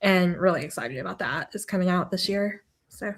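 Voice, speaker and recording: A woman co-hosting a music podcast, talking through album picks in a relaxed, easygoing way. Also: on the low side, moderate pace. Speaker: podcast co-host. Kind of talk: casual chat about music.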